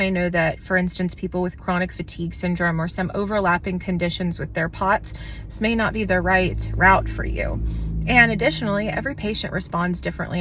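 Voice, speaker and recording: A woman talking casually to the camera in a vlog, out of breath and shaky, her words a little slow and slurred, candid and chatty with fillers. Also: on the low side, fairly bright tone, slight background noise. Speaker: vlogger.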